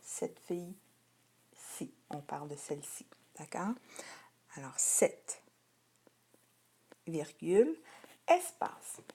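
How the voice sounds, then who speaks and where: A woman teacher with a Québécois French accent reads out a children's spelling dictation at a very slow, careful pace. Her low, mellow voice stays patient and spells out each word with deliberate articulation. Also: big pitch swings, husky.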